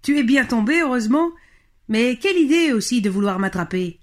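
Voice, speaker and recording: Une femme qui fait la voix d'un gros bison mâle bienveillant et amusé, à la grosse voix, sur fond de musique. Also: female voice, on the high side, lively intonation, fairly quick, voice pushed up, close to an everyday voice. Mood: amused. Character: big, good-natured male bison with a deep voice. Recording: music playing behind.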